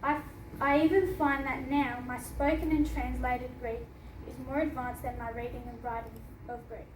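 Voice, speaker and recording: A teenage Australian girl reads her personal essay aloud at a book launch, her high voice flat in delivery and moving at a normal speed. She's a student sharing her story, earnest and laughing now and then. The recording is noisy and distant, captured from far off in an echoey hall.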